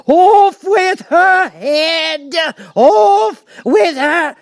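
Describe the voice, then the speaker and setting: A man voicing a furious, impatient playing-card queen in a shrill, commanding storybook voice. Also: drawn-out words, no echo, studio quality, full character voice. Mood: screaming fury. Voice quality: shrill, screaming.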